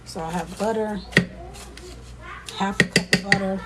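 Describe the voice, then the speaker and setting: A woman's voice: medium pitch, fairly even intonation, unhurried. A woman vlogging casually in her home kitchen, chatting to viewers and her kids while she cooks. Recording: loud background noise.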